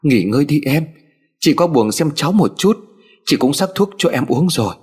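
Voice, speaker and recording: A man's voice: a little high, expressive, moderate pace, a little mellow, breathy edge, pitched above the performer's own voice. A man voicing an older mistress of the house who hides her scheming behind soothing, tearful apologies, in a storybook audio tale. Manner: soothing, honeyed, fake-sorry.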